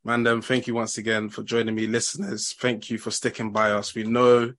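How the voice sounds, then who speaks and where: A man's voice: medium pitch, monotone, brisk, a bit bright. A man with a London roadman accent and slangy delivery, hosting a casual football chat in a laid-back way. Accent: London, multicultural roadman slang. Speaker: podcast host.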